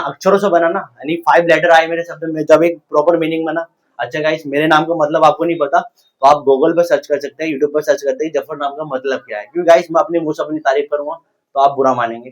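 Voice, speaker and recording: Guy giving an english lesson in hindi, fairly high voice, quizzes himself then answers, keeps saying guys. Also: a bit bright. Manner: explains step by step, asks and answers his own questions; addresses viewers as guys. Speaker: English teacher.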